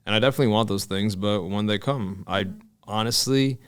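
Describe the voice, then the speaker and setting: A man's voice: lowish voice, a little fast, clear, resonant tone. A man in his early thirties hosting a podcast, talking in a loose, rambling, casual way with plenty of swearing and filler. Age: 30s. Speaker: podcast host. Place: Miami.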